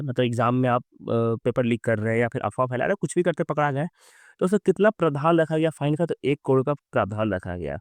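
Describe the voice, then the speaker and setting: With a hoarse, sore throat, a young Bihari man works through exam quiz questions, slowly reading them in English and padding his explanations with lots of fillers. He speaks at a medium pitch, and the studio-quality audio has no echo.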